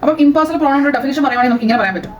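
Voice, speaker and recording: A Malayali-accented woman teacher talks through a grammar lesson at a very quick clip. Her voice sits a little high. She throws questions at the class and answers them herself, slipping English phrases into her explanation. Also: highs cut off.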